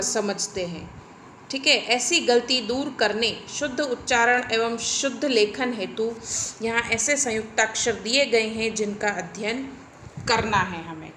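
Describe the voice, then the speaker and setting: A woman teacher with a bright, clear, slightly high voice gives a recorded lesson. She explains each point step by step and keeps checking in with her students. The sound is echoey, as if taped in a bare room. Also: slight background noise. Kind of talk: recorded Hindi grammar lesson.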